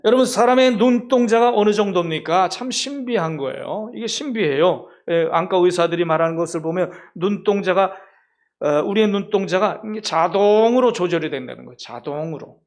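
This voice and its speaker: A man's voice: high-pitched, fairly quick. A male pastor preaching a sermon, emphatic and putting rhetorical questions to his congregation.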